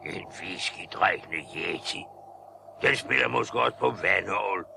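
An actor playing a gruff, hard-drinking ship's captain who bellows strings of insults, in a radio play. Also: male voice, sits low. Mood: scoffing. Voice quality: gravelly. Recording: noisy old radio-play recording.

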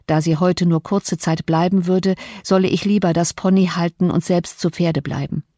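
A woman reading a classic novel aloud as an audiobook in measured, even storytelling. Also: on the low side, no echo, clean studio sound. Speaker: audiobook narrator. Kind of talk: scripted literary narration.

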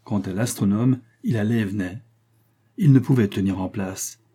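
Husky, dark-voiced male audiobook narrator. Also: on the low side, normal speed. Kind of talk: scripted narration.

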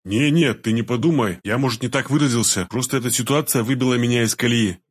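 A man's voice: medium pitch, fast talker, breathy edge, close to an everyday voice. A man voicing a stern, tense security man who speaks tersely. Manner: terse, hard-edged.

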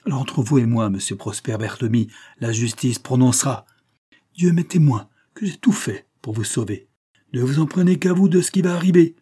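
A man's voice: medium pitch, steady tone, fairly quick, few pauses, slightly rough, lightly acted. A man doing an indignant old-school banker. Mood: furious. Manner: forceful, raised and vibrant voice. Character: indignant middle-aged male banker, stern and pleading.

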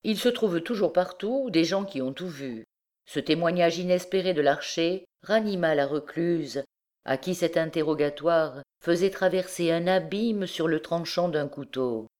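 A woman narrating a classic novel as an audiobook in a measured, even way. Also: fairly low pitch. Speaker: audiobook reader.

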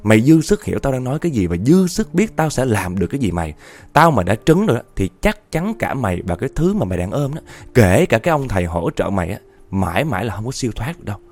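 Man doing a stern fierce old grandpa laying down warnings, low voice. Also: very animated, brisk, a little mellow. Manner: stern, commanding.

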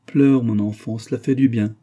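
A man's voice: medium pitch, fairly even intonation, moderate pace, warm tone, lightly acted. A man reading a classic novel aloud, voicing an old, devoted nursemaid who soothes and fusses over the girl she raised. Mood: fussing. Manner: soothing, fussing. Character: old devoted female nurse, gentle and fussing.

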